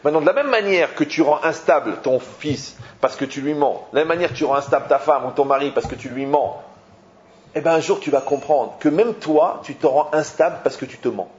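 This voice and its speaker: A rabbi teaches a Torah lesson in a fairly high voice, animated and questioning his listeners, circling back over his points. The recording is dull and lo-fi. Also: brisk. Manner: animated, rhetorical questions, repeats himself.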